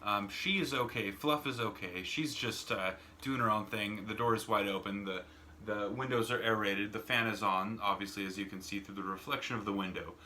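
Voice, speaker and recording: An American man vlogs in a casual, rambling monologue from his home smoking room, where the door is open and a fan is running. His lowish voice is bright and forceful, with fairly even intonation at normal speed, and he repeats words and tacks on "and whatnot." There is slight background noise.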